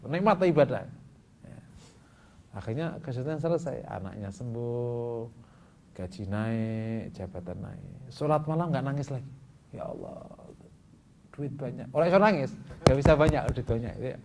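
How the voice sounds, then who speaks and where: A man preaching a sermon, swinging between loud bursts and soft asides and acting out quoted voices. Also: mid-range voice, normal speed, vocal fry, pauses often, slight background noise.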